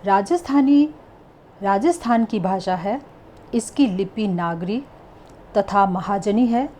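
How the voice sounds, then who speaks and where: Slow, measured woman lecturing. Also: medium pitch, lively intonation, warm tone, a little hiss or hum, rough recording. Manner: deliberate, reads out lists of names one by one.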